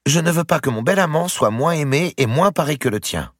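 Casting: jeune amante noble, ton alangui et gémissant, voix haute, lue par un homme. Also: male voice, a little high, lively intonation, a little fast, a bit bright, no echo, clean studio sound, pitched above the performer's own voice. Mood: piquée. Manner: plaintive, languid. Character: young noblewoman, languid, pleasure-seeking.

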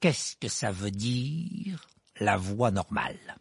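Storybook uncle, heavyset, blustering and easily outraged, put on by a male reader, drawn-out indignant lines, raised and gravelly. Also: a little high, big pitch swings, dry recording, pitched above the performer's own voice, full character voice. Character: blustering irritable middle-aged uncle, heavyset man.

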